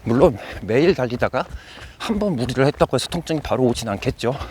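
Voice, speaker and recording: A man's voice: mid-range voice, animated, fast, noisy background. A man talking to his running vlog as he runs, speaking in short, broken phrases. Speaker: running vlogger. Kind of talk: casual vlog monologue while running. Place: outdoors, on a run.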